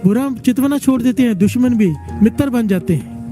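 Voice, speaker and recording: A man's voice: extremely high pitch, fairly quick, over music. A man giving a devotional sermon, telling stories and urging the congregation to chant responses back to him. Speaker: preacher leading a devotional gathering.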